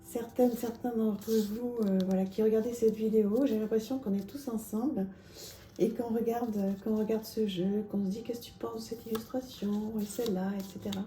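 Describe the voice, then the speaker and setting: A woman presenting oracle card decks in a casual, chatty vlog, with lots of small pauses and fillers. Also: fairly high pitch, fairly even intonation, dark tone, roomy sound. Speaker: tarot and oracle card reviewer.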